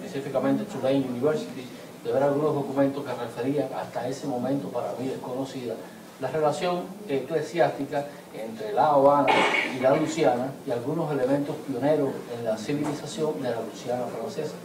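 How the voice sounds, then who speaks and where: A man in the audience asking a formal, halting question. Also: mid-range voice, steady tone, crowd noise. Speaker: audience member. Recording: echoey hall from far off, clear noise.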